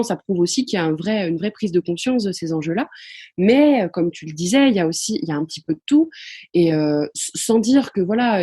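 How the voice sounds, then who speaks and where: A woman's voice: mid-range voice, mellow, breathy edge. A woman guest on a podcast explaining social psychology, talking hesitantly with many fillers and restarts. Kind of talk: podcast interview answers.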